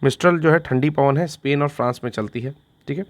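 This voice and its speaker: A man with a medium-pitched voice speaks quickly in Hindi, leading an exam revision lesson. He repeats every fact, asks himself a question and answers it, and says "theek hai" after each point.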